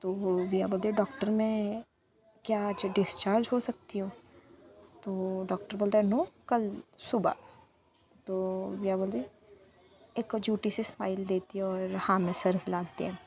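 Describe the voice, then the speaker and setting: A woman's voice: mid-range voice, little pitch movement, moderate pace, darkish tone, a little hiss or hum. A woman casually retelling a love story episode in a chatty way, with many fillers and lightly acted quoted lines.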